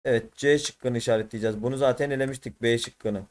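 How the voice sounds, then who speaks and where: A man's voice: mid-range voice, fairly even intonation, fast talker. A man teaching an exam prep lesson, tired, thinking aloud and correcting himself as he works through questions. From Turkey.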